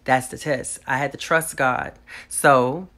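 A woman's voice: a bass voice, fairly even intonation, slow, fairly bright tone. Woman, 30s; sincere to-camera testimony, close phone mic, small home room. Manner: earnest, talks straight to viewers, faith-filled. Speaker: vlogger.

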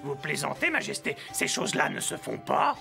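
Gravelly cartoon seagull, polite, scandalized, music behind. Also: male voice, fairly high pitch, wildly swooping pitch, normal speed, full character voice. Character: Mousse, a proper male seagull. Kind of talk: French cartoon voice acting.

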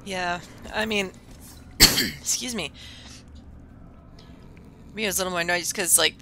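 A hoarse woman with a scratchy voice, casually chatting and rambling through gameplay commentary. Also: fairly low pitch, a little slow. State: hoarse from getting sick. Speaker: streamer.

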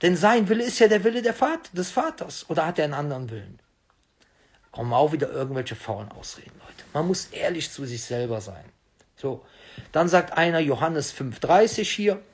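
A man's voice: on the high side, big pitch swings, moderate pace, husky. A man giving an argumentative religious lecture as a preacher, insistent and full of rhetorical questions. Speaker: Islamic preacher.

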